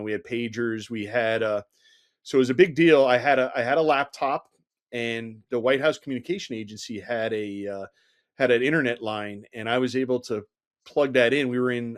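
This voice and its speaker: A middle-aged man spins long, animated anecdotes as an interview guest, his pitch sitting in an ordinary middle range. He peppers his telling with "you know" and slips into the voices of the people he quotes. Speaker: guest, former Secret Service agent. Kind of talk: conversational storytelling interview.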